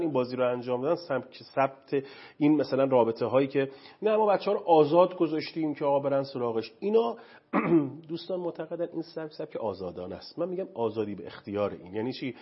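A man's voice: a little high, highs cut off. A man from Iran, a parenting expert on a TV interview, explaining parenting styles in a lecturing way with many rhetorical questions.

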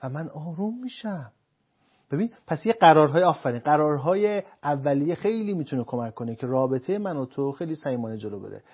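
A man, a couples counselor, explaining calmly and acting out dialogue between partners. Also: on the high side, breathy edge, lo-fi sound. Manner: calm, acts out couples' dialogue. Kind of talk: explaining to an interviewer.

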